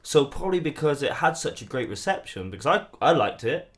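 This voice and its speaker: A British man hosting a podcast interview, joking and encouraging in relaxed conversation. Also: a little high, brisk. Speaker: podcast host. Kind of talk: casual interview chat.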